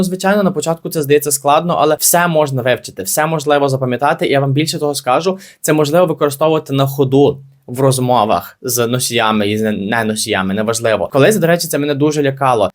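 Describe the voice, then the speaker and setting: A young man teaching English grammar in a video lesson, explaining patiently and repeating key points to reassure beginners. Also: medium pitch.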